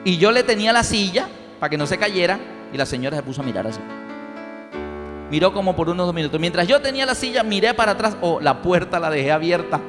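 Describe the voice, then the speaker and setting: A man's voice: high voice, quick pace. A man preaching a sermon, telling a story and often asking the congregation questions. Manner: animated, asks the congregation questions. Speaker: evangelist preacher. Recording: long hall reverb, faint music.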